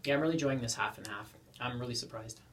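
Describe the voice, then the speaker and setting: A man's voice: medium pitch, fast talker, fairly bright tone, slight background noise. A man with a Canadian accent rambles casually to his viewers while smoking a pipe, recorded in a small shed. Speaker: pipe-smoking video creator. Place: small wooden garden shed. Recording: distant mic, poor shed acoustics.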